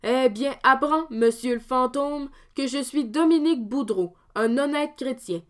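A woman doing a loud brawny farmer shouting threats. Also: high-pitched, a little slow. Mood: defiant. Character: brawny skeptical farmer brother, bold and hot-tempered.

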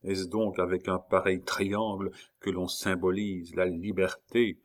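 An indignant, earnest doctor cries out against the bloodshed, as a man reading the story puts him on. The voice sits fairly low, in a plain storybook reading. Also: level tone, measured pace. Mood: sorrowful.

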